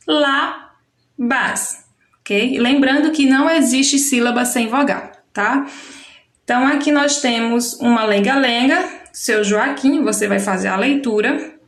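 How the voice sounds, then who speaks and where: Woman teacher, Brazilian Portuguese accent, patient and unhurried, fairly high voice, echoey room. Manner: patient, slows to spell out syllables. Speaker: primary school teacher. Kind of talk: explaining a workbook lesson to children.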